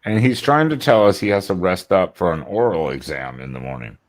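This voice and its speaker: A man talking on an online call in a casual sports chat, animated and swearing freely. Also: sits low, brisk.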